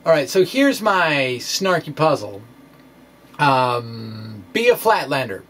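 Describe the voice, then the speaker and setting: Presenting his own work, a male science blogger gives a dramatic reading of his blog post as a casual explanatory lecture, chatty and folksy with theatrical flair. He speaks at a medium pitch in a sing-song, fairly bright voice, taking his time.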